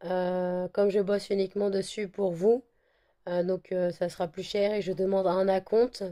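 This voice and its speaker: A woman with a croaky voice from a cold, chatting casually to camera with many fillers and repeated words. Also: little pitch movement, normal speed, mellow. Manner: coos at her dogs in a high sing-song. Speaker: vlogger selling handmade candles and wax melts.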